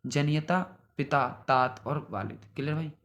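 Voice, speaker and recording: Young male tutor, slightly high-pitched, revising word lists, repetitive and drilling. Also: normal speed, a bit bright, a little hiss or hum. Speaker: exam prep teacher. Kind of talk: synonym revision lesson.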